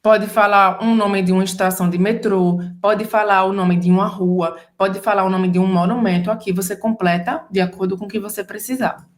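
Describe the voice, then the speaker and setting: A woman's voice: medium pitch, steady tone, fairly quick, few pauses. A Brazilian woman with a Brazilian Portuguese accent, co-teaching a casual French lesson and explaining pronunciation step by step. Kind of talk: casual bilingual language lesson.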